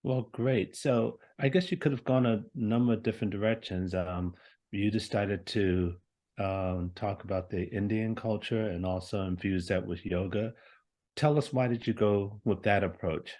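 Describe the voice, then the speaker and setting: Moderator, man, low voice, hesitant, filler-heavy questions. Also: a little mellow. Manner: halting questions with many fillers. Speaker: festival moderator.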